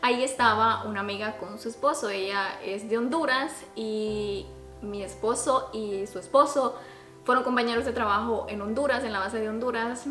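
A young woman vlogger chats expressively through a casual storytime. Her voice sits fairly high. The room adds clear echo, and music plays behind her. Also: moderate pace. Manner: expressive, chatty, talks with her hands. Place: small furnished room at home, indoors. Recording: roomy home video sound. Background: background music.

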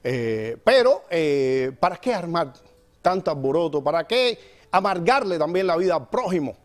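High-voiced man joking on air. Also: normal speed. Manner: joking, animated storytelling with acted-out voices. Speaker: comedy show host. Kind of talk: stand-up style comic monologue.

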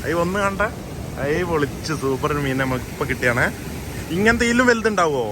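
At a dam, a man records an on-location fishing vlog, excitedly exclaiming and talking with people nearby in Malayalam sprinkled with casual English. His pitch is fairly high, and rushing water fills the noisy outdoor audio.

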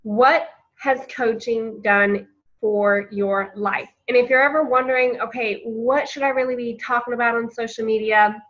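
A woman coaching her team on a training call gives a casual, chatty and encouraging presentation, often calling her listeners "you guys." Her voice is a little high, fairly bright and steady, at a moderate pace, and the webinar audio is lo-fi.

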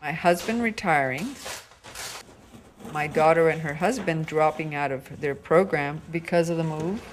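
A middle-aged woman, a mother talking with family and giving an interview, brisk and instructing. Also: deep voice. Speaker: mother in a documentary. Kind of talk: everyday family talk and interview. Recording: echoey room from far off, noisy.

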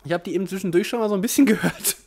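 A man commentating his own football video game match, excitable, swinging from low muttering to shouting. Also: rapid-fire, gravelly, faint music behind. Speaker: gaming commentator. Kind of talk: live Let's Play commentary.

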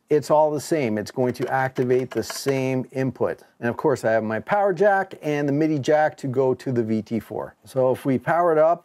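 A middle-aged man hosts a video from his indoor home studio workshop, walking through a hands-on demonstration in a casual, conversational way. His voice sits a little high with a darkish tone, and he talks and explains as he goes.

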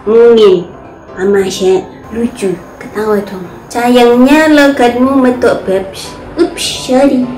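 A woman's voice: a little high, slow, a little mellow. A woman in her twenties with a Javanese accent, chatting casually as a vlogger while reading viewer comments, cutesy and a bit defensive. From Central Java, Indonesia. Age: 20s. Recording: echoey room, faint music behind.

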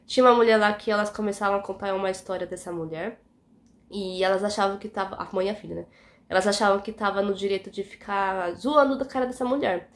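A woman's voice: mid-range voice, fast talker. A young Brazilian woman with a Brazilian Portuguese accent, telling a workplace story in a chatty, indignant vlog, dropping frequent asides to her viewers. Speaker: vlogger.

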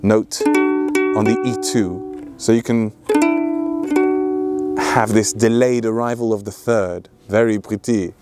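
This thirties video host gives a casual ukulele lesson in an open field, chatting playfully and singing examples while strumming and plucking. His fairly low voice stays steady in tone, unhurried and full of pauses, with loud music behind it.

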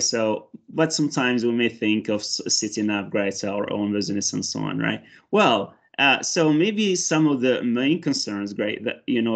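Heard over a video call headset in an indoor room with large windows, a gravelly, lowish male voice with a Moroccan accent runs a mock interview and demo lesson. He teaches English and grew up speaking Arabic and Berber. Hesitant, he restarts often and leans on fillers, yet his tone rises brightly during the teaching parts.

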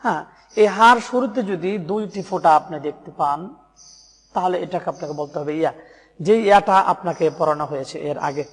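A man with a Bangladeshi Bengali accent teaching Quran pronunciation, patiently repeating letter names slowly for learners. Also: high-pitched, big-room sound. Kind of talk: step-by-step pronunciation lesson.

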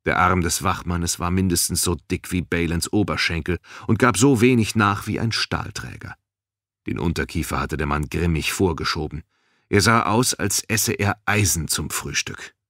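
A man reading a fantasy audiobook in a lively, expressive way. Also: deep voice, moderate pace, no room sound, studio quality. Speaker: audiobook narrator. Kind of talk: scripted audiobook narration.

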